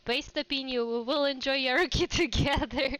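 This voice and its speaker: Bright chatty woman with a Russian accent. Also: sits high, fairly even intonation, moderate pace, low-quality recording. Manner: chatty and rambling, laughs often. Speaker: VTuber streamer. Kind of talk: casual livestream chat.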